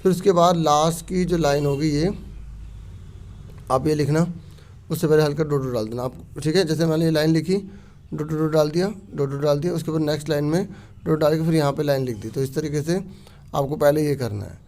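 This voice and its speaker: A man teaching a worksheet lesson to students, reading passages slowly and then explaining them in quick, casual talk with frequent check-ins. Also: fairly high pitch, steady tone, a little mellow.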